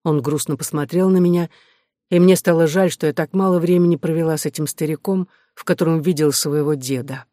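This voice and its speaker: A man reading a first-person audiobook narration in a steady, expressive way. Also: fairly high pitch, fairly quick, no echo, clean studio sound. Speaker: audiobook reader.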